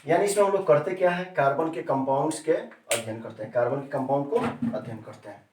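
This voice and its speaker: A man with a highish voice races through a chemistry lesson, repeating important terms and quizzing his students. Background noise is heavy, the room echoes, and the microphone is placed far off.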